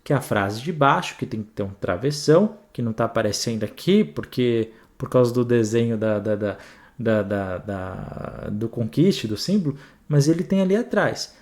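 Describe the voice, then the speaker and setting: A man with a Brazilian Portuguese accent teaching a grammar lesson for an exam, chatty and animated, often checking in with his students. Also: mid-range voice, moderate pace.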